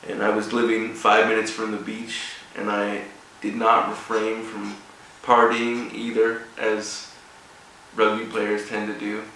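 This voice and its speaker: A man with a fairly low, gravelly voice speaks from a distance in a very reverberant room. He delivers an informal speech in halting, broken phrases. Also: monotone, bright, forceful tone. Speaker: guest speaker at a rugby club event. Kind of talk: informal motivational speech with personal story. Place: echoey room, speaking before an audience. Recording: echoey room, distant mic, faint noise.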